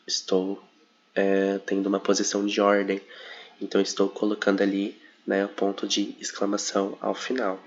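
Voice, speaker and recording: A man's voice: lowish voice, completely flat delivery, moderate pace. A young man, a student, presents his coursework informally, hesitating often and correcting himself as he goes. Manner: hesitant, frequent fillers and self-corrections. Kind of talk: informal presentation of a concept map. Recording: dull lo-fi recording.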